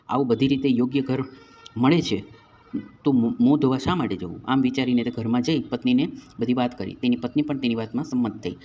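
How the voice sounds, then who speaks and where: A man narrating a devotional folk tale in a calm, measured storytelling way. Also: mid-range voice, highs cut off, a little hiss or hum.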